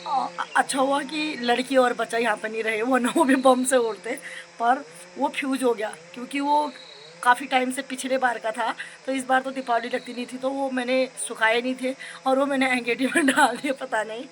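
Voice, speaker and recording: A woman's voice: sits high, fairly even intonation, normal speed, a little hiss or hum, poor audio. A young woman, vlogging her daily routine at home in a chatty way and often laughing as she talks. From hill region of north India. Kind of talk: casual daily-routine vlog. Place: at home, indoors and outside in the sun.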